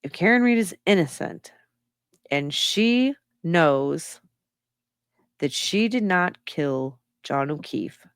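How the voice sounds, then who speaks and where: Slow, low-voiced woman commentator. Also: animated, clean tone, no room sound, clean studio sound. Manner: opinionated, reasons aloud step by step. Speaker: true-crime commentator. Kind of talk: casual spoken commentary.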